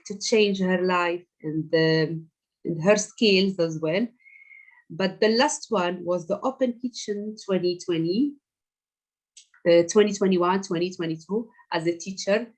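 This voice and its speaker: A woman's voice: lowish voice, darkish tone, poor audio. A woman hosting an online class, talking hesitantly with many fillers over a video call. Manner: hesitant, filler-heavy, encouraging. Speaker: class organizer.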